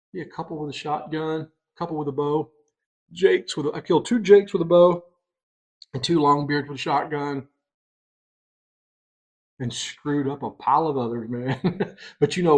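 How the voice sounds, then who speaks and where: A middle-aged man hosting a podcast, telling a hunting story in casual chat, excitable and animated. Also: a little high. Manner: excitable, animated storyteller, voices others in quotes. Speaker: podcast host.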